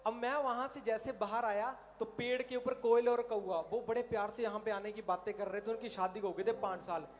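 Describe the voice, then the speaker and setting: A man from Himachal Pradesh doing animated stand-up comedy on an outdoor festival stage, telling stories. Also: high-pitched, fairly quick, slight background noise. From Himachal Pradesh, India. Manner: animated storytelling, puts on animal and cartoon voices. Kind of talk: stand-up comedy at a college fair.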